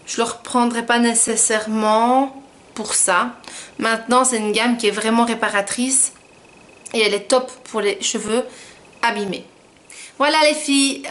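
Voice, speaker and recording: Chatty woman vlogger, slightly high voice. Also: a bit bright, a little hiss or hum. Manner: chatty, rambling, self-mocking. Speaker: beauty vlogger. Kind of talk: casual product review vlog.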